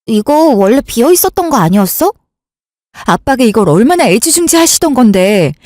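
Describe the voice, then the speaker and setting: A woman's voice: fairly high pitch, warm tone, dry recording. A woman voicing a grieving elder sister in a radio drama, insistent and worked up as she keeps pushing to call the police. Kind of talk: Korean radio drama acting.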